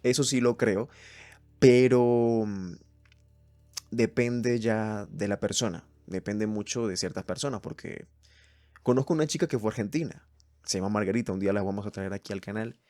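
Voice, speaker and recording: Low-voiced Venezuelan man musing aloud. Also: moderate pace, dark tone. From Mérida, Venezuela. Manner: thinks aloud, reads points from a list and comments. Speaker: podcast host. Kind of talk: solo reflective podcast chat.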